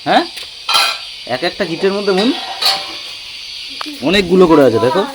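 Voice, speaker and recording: A man's voice: high-pitched, expressive, moderate pace, very noisy. A man, chatting to camera and family in a casual outdoor village vlog. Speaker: family vlogger.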